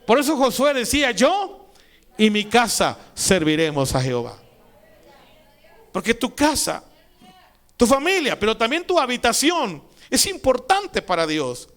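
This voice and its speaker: A man preaching a sermon as pastor, with emphatic rising peaks and quiet asides. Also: extremely high pitch, big pitch swings, a little slow.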